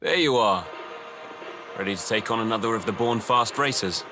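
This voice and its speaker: An actor playing a smug, condescending rich rival racer in a video game, haughty and goading. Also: male voice, lowish voice, normal speed, close to an everyday voice. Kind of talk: video game villain dialogue. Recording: loud music behind.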